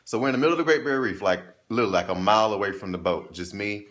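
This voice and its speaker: A man telling a travel story in casual chat, acting out the quotes in a raised, animated voice. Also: fairly low pitch, rapid-fire. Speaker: travel vlog co-host.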